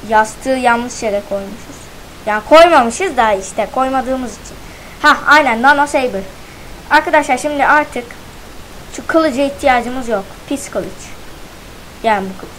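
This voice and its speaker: High, chatty woman narrating gameplay. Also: fairly bright tone, slight background noise, poor audio. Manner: chatty self-talk, counts aloud, playful slang. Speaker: gaming channel host. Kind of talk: casual let's-play commentary.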